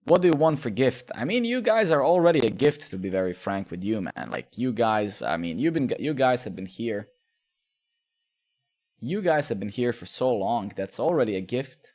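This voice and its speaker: Streamer, man, mid-30s, from Serbia, rambling casual chat with swearing and fillers, mid-pitched. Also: big pitch swings, normal speed, a little mellow. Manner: rambling, lots of filler, swears, asks "right?". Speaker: live-coding streamer. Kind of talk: casual chat while coding.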